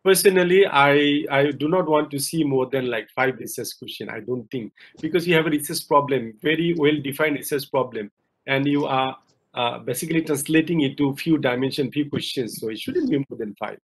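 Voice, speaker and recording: A man's voice: mid-range voice, brisk, low-quality recording. A middle-aged man from Malaysia, a professor answering students' questions in an online lecture, explaining at length with many fillers. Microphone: video call.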